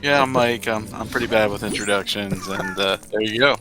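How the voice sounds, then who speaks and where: A man awkwardly and shyly introducing himself on a casual gaming podcast, halting as he goes. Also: on the low side. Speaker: podcast co-host. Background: game music.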